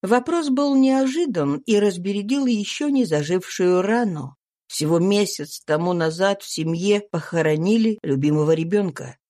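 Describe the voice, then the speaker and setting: A woman narrating a classic novel as an audiobook in a measured storytelling manner. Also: lowish voice, dark tone. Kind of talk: scripted narration.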